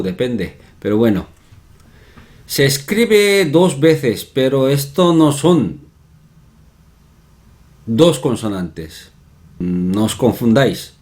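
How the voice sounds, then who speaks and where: Guy teaching a grammar lesson, talks slow, says everything twice and keeps tossing in little tag questions. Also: mid-range voice, darkish tone. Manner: repetitive, checks in with tag questions. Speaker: Korean language teacher. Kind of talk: explanatory online lesson.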